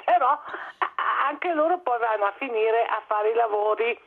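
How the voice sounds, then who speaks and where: Woman expert in an interview, bit of german tinge in her italian, husky, stumbles and repeats words, tinny phone sound. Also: a little high, expressive. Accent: slight German tinge in Italian. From Italy. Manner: halting, searching for words, repeating words. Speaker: expert guest on migration. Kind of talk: spontaneous interview answers. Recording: muffled narrow-band phone or radio line.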